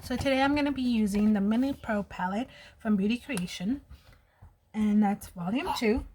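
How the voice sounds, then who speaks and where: Doing her makeup on camera, a U.S. vlogger in her thirties talks to viewers in a friendly, open, personal way, with a slight lisp. Her mid-range voice is a little mellow and moderately paced, with some hiss or hum in the recording.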